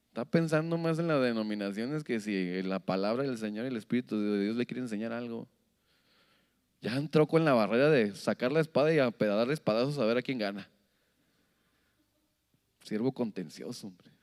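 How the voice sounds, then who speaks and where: A man preaching a sermon as pastor, animated, asking the congregation questions and acting out little scenes. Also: mid-range voice, normal speed, long pauses, smooth. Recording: long hall reverb.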